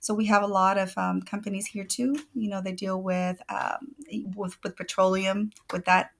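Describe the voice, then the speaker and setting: Guesting on a livestream video call, this Salvadoran woman, a native Spanish speaker, talks casually at normal speed in a mid-range, gravelly voice with little pitch movement. She laughs a lot and frequently restarts her sentences.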